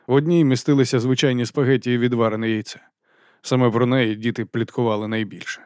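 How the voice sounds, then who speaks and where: Man, audiobook narrator, steady wry first-person reading, medium pitch, dry close recording. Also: no room sound.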